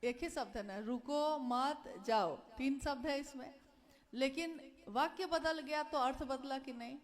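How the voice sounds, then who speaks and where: A woman's voice: high-pitched, moderate pace. A woman giving an earnest devotional talk, pleading with listeners and repeating her key phrases. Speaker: speaker at a devotional gathering.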